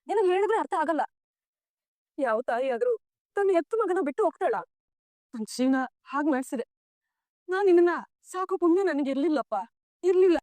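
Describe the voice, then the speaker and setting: An actress playing a sorrowful, tender middle-aged mother in a TV serial, speaking softly and pleadingly. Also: very high-pitched, animated, brisk, long pauses, dry recording. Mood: tearful. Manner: soft, pleading, tearful at times. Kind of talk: TV serial acting.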